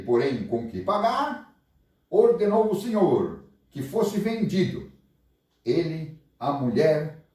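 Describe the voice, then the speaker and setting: A Brazilian man tells a Bible story to children and keeps asking them questions. His voice is mellow and moves up and down a lot. He sits far from the mic in a church hall with strong echo. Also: a little high. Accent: Brazilian Portuguese. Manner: animated, asks the listeners questions.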